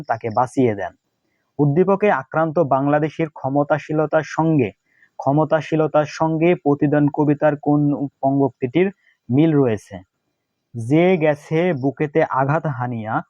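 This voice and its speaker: Young guy going thru exam questions, kinda high voice, dry dull lo-fi mic. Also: a little mellow, dry recording. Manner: reads questions then answers, repeats key answers. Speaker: exam prep tutor. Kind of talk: casual exam-prep lesson.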